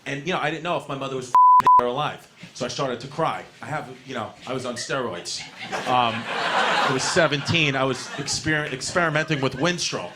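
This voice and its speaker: A man's voice: medium pitch, a little fast, very noisy. Brash, profane stand-up comic man. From New York. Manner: brash, profane and rambling, laughing at his own lines. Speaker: stand-up comedian. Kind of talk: stand-up comedy set. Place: comedy club stage.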